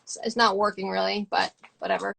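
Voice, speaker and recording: Chatty woman with a gravelly edge. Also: mid-range voice, steady tone, fairly quick, sharp tone. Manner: chatty, rambling, full of "like" and acted-out quotes. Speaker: guest on a livestream chat. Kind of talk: casual chat. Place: at home. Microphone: phone on a live video call.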